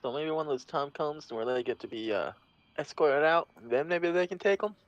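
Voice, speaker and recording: A man's voice: on the high side, lively intonation, normal speed, dry recording, highs cut off. A man playing a tabletop game, joking around and slipping into a put-on Southern drawl. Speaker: player.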